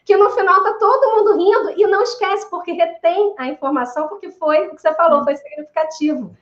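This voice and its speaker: A woman with a high voice explains her ideas thoughtfully and often pauses. Her voice echoes in the room, and the recording is muffled and dull. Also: fairly bright tone. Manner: thoughtful, explanatory, frequent hesitations. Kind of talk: casual conversation.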